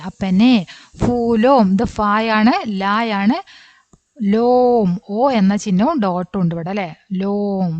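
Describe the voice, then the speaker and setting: A woman's voice: medium pitch, dry recording, muffled recording. A woman with a Malayali accent, a native Malayalam speaker, patiently explaining a Hindi poem, sounding out words syllable by syllable. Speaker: Hindi teacher.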